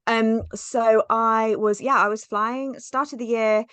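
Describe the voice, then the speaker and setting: A woman's voice: on the high side, steady tone, takes it slowly, fairly bright tone, clean tone, dry recording. A woman in her thirties, a podcast guest chatting in a casual, storytelling way with lots of "like" and "um". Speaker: podcast guest, business mentor.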